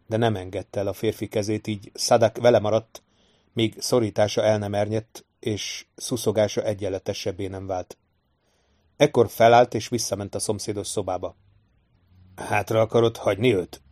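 Low-voiced male audiobook narrator. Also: little pitch movement, darkish tone. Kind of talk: scripted narration.

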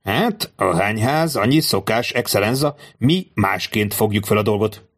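A man voicing a smooth, mock-deferential bandit jailer in an audiobook. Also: lowish voice, animated, a bit bright. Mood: mock-polite. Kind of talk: audiobook character voice.

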